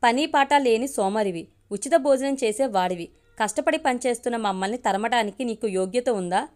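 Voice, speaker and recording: A woman voicing a clever young male driver in a storybook reading, calm and polite with a pointed edge. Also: fairly high pitch, moderate pace, close to an everyday voice.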